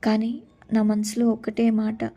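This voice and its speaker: A woman's voice: on the high side, monotone, a little slow, dark tone. A young woman narrating her own story in the first person, earnest and sorrowful.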